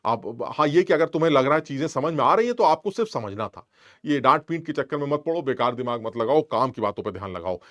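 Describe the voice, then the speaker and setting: A man's voice: medium pitch, animated, quick pace, fairly bright tone. A man teaching chemistry in an informal, scolding, emphatic lecture style. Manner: scolding, emphatic, plays both teacher and student.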